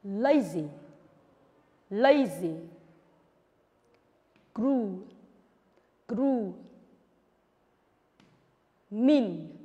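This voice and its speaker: A woman teaching an English lesson to primary school children, drilling words slowly and with emphasis. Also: mid-range voice. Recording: reverberant room sound.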